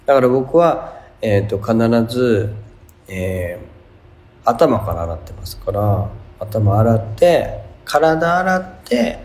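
A man's voice: medium pitch, a little mellow. A man with a Kansai accent hosting a radio show, reading listener letters and giving chatty, amused commentary. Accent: Kansai Japanese. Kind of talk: casual radio chat.

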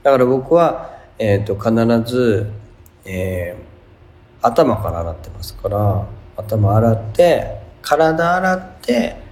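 A man's voice: lowish voice, very animated, slow pace, a little mellow. A man with a Kansai accent hosting a casual radio show, reading listener letters aloud and answering them with amused, playful retorts.

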